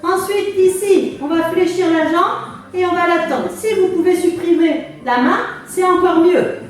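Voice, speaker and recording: Female fitness coach, very high voice, unhurried counting and encouraging cues, heard in a very echoey room. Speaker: fitness instructor leading a workout class. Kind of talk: exercise class instruction with counting. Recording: echoey room, distant mic, music behind.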